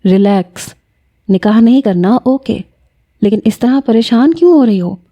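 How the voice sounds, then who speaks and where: Tender, reassuring male professor, read by a woman, soft and mellow. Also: fairly high pitch, expressive, dull audio. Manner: gentle, soothing.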